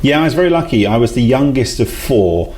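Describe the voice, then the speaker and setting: A chatty man in his 40s from South London, head of a talent company, guests on a casual interview, laughing often and poking fun at himself. His medium-pitched voice is brisk and a little mellow, with lively intonation.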